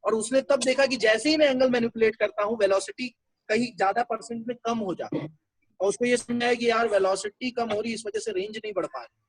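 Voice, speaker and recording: A man's voice: very high-pitched, steady tone, fairly quick, no room sound, poor audio. A male teacher giving a classroom lecture, talking conversationally and explaining things step by step.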